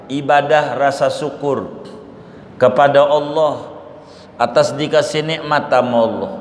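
A male preacher voicing a gentle, patient mother cow who explains things softly to her calf in a parable. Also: medium pitch, fairly even intonation, measured pace, close to an everyday voice. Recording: echoey hall with faint noise.

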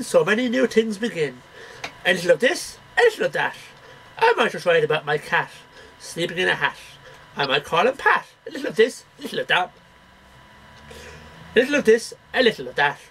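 A middle-aged amateur poetry reader with a high voice and sharp tone declaims poems in a sing-song manner, one line at a time. He's in a small, cluttered bedroom. The low-quality recording, made on a webcam about arm's length away, carries a little hiss or hum.

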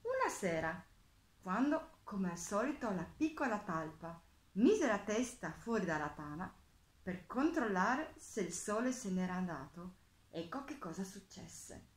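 A woman reading a children's picture book aloud, expressive and playful, with spoken sound effects. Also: mid-range voice, a little slow. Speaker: children's storyteller. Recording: echoey room.

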